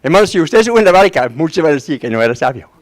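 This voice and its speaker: A man's voice: on the high side, very animated, quick pace. A pastor giving a conversational sermon, often asking rhetorical questions of the congregation and acting out voices in his story.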